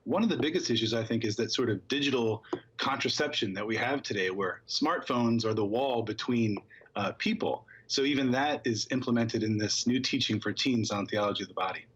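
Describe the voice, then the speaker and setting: A man with a slightly husky voice talks fluently and upbeat as a guest on a studio talk show. The sound is a little dull and lo-fi. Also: medium pitch, a little fast, a bit bright. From Philadelphia area. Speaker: guest spokesperson. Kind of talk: TV studio interview.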